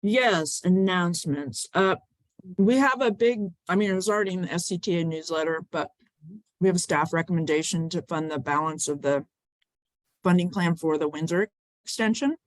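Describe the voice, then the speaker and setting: A man giving a relaxed funding update on a video call, with small asides. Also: high-pitched, normal speed, no echo. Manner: relaxed, talks through funding details with asides. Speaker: transit agency staff. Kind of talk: casual meeting update.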